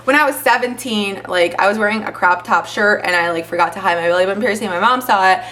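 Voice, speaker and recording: A woman's voice: medium pitch, fast talker. Chatty young woman vlogging. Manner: chatty, animated storytelling, many "like" fillers. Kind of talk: casual chat to camera.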